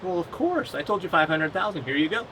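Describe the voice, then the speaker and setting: A man voicing a wealthy, generous aunt or uncle who speaks in an obliging, measured way. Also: sits high, lively intonation, pushed and bright, a little hiss or hum, voice pushed up, full character voice, low-quality recording.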